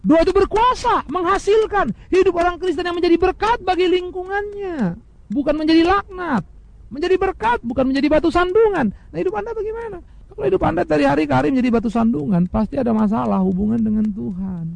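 A man preaching in a high, gravelly voice that races along. He speaks straight to his listeners, plays out imagined voices in brief asides, and lurches between emphatic peaks and hushed, intimate drops. The recording is close and dry. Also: brisk, no echo, low-quality recording. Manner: animated preaching with sharp swings between loud highs and soft lows; addresses listeners directly and repeatedly. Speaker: pastor. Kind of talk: sermon.

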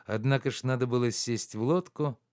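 A man narrating a novel in a measured literary reading. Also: medium pitch, a little mellow, clean tone. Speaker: audiobook reader. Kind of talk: scripted narration.

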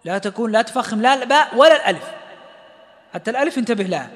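Male recitation teacher, high voice, long hall reverb, explains then chants examples. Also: expressive, racing, a bit bright. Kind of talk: tajweed lesson with recited examples.

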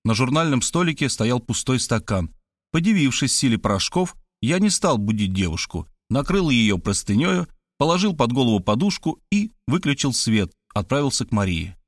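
A man narrating a first-person audiobook, animated and expressive, dropping lower for his own character. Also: moderate pace, no echo, clean studio sound.

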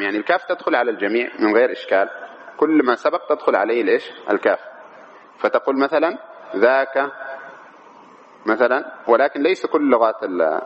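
A man teaching an Arabic grammar lesson who asks the class questions and answers them himself, often checking that they follow. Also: medium pitch. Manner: keeps checking understanding; slow, measured reading of the text. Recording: dull lo-fi recording with faint noise.

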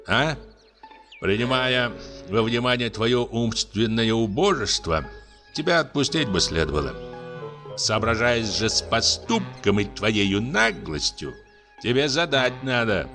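A man voicing a pompous, sanctimonious landowner gentleman who scolds in a high, drawn-out tenor. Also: very animated, soft background music, full character voice. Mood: stern.

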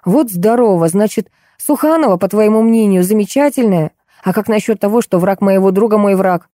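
A woman voicing a sharp-tongued, sarcastic woman artist with a mocking delivery. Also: mid-range voice, normal speed, dry recording, studio quality, lightly acted. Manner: mocking, biting.

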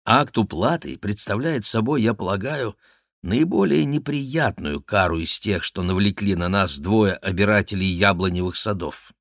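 A man reading a classic novel aloud in measured, expressive narration. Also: fairly low pitch, no room sound, studio quality. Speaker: audiobook reader. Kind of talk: scripted literary narration.

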